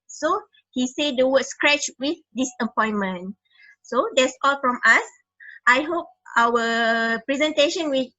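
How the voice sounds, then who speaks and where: A woman's voice: high-pitched, bright, forceful tone, muffled recording. A young woman presenting a class project, explaining examples and often repeating and correcting herself. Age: young adult. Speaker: student presenter.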